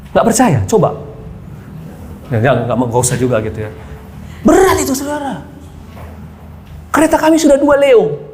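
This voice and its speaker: A male pastor delivers a sermon in a lively voice that swings widely in pitch. He keeps turning to the congregation and slips into soft asides. The sound rings with long hall reverb over faint background ambience. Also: slight background noise. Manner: animated preaching that keeps addressing the congregation, with quiet asides.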